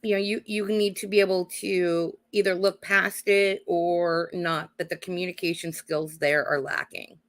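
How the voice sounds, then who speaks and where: A woman with a cold, her voice going hoarse, giving live psychic card readings and calling her viewers honey and darling while checking in with "okay?". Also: fairly low pitch, level tone, moderate pace, hardly any pauses, a bit bright. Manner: calls viewers honey and darling, adds "okay?" tag questions.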